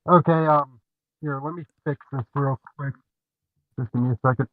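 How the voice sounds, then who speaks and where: A man calling into a live show from work, with his voice coming through muffled and bass-heavy. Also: fairly even intonation, moderate pace. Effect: muffled, bass-heavy call-in audio. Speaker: caller. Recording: dull muffled call-in line from afar.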